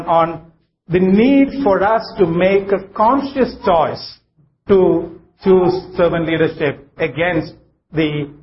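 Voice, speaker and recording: A man with a South Indian English accent preaching a sermon in church, speaking haltingly and repeating phrases for emphasis, on a muffled, noisy live recording. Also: on the high side. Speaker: guest preacher. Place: church service.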